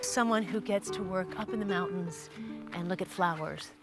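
A woman's voice: on the low side, moderate pace, over loud music. A woman travel show host chatting and asking curious, upbeat questions on location. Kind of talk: casual chat.

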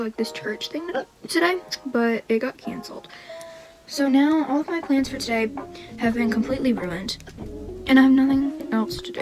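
A woman's voice: a little high, low-quality recording. A young woman chatting casually in a home vlog, bubbly and giggly, hiccuping now and then. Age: young adult. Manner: chatty and bubbly, with frequent giggles and filler words. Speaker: vlogger. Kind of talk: casual chat. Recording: background music under the voice.

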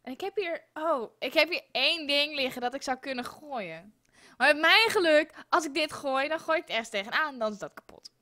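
A young woman live-streams a game, exasperated and swearing, breaking into loud outbursts despite a sore throat. Her voice is high, animated, and brisk.

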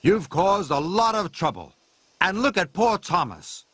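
Brief: man doing a cross woman site boss, firm and slow. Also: high voice, big pitch swings, sharp tone, husky, no echo, pitched above the performer's own voice, full character voice. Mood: scolding. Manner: scolding, firm. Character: stern woman construction boss.

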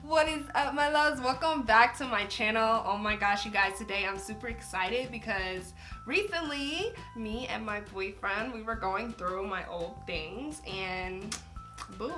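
A young woman hosting an art vlog, chatting casually and gushing excitedly with lots of exclamations. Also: fairly high pitch, a little slow, over music. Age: young adult. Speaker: art channel host.

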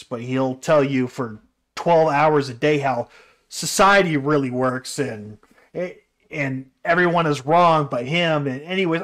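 A man's voice: fairly high pitch, a bit bright. A man telling a story about his roommate in an exasperated, incredulous rant full of swearing. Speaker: vlogger telling a personal story.

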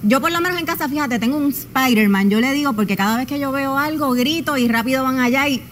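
A woman co-hosting a studio comedy show, chatting casually and cutting in quickly. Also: high-pitched, a bit bright, slight background noise. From Puerto Rico. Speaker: co-host. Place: television studio.

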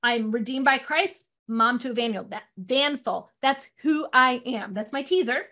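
A middle-aged woman teaching a live online marketing class, chatty and quick to laugh at herself. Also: on the high side, bright, forceful tone.

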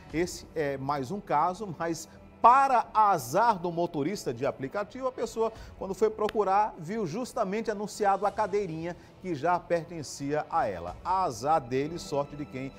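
A man in his fifties anchors the news from a studio. His delivery is emphatic, with a lively, swinging pitch in a fairly high register. A faint music bed runs under his voice. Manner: emphatic, gesturing while talking. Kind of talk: studio news presenting with commentary.

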